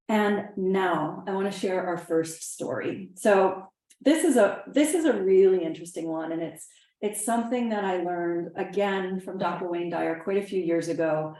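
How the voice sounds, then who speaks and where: A woman hosting an event and telling a motivational story in a casual, expressive way. Her voice is mellow and warm, at a middle pitch. The sound carries a roomy echo from the venue. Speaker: workshop host.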